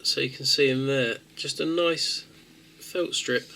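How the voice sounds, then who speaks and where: Against slight background noise, a tech host with a cold talks through a fix unhurriedly, his medium-pitched nasal voice creaky with a sharp tone. The casual how-to wanders, heavy with fillers and restarts.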